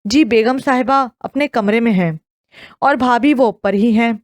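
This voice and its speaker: Woman plays a meek maid in an audio novel, soft respectful replies, dry read. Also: fairly high pitch, no room sound, lightly acted. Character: household maid woman, timid and deferential.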